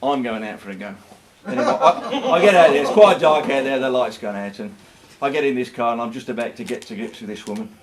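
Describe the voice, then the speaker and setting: A man's voice: medium pitch, a crowd in the background. A man performing a comic song at a folk club party, racing through wordy patter verses and telling jokes with a laugh in his voice. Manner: rattles off wordy patter verses at speed between slower sung lines; jokey storytelling, laughing as he goes. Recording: noisy live amateur recording.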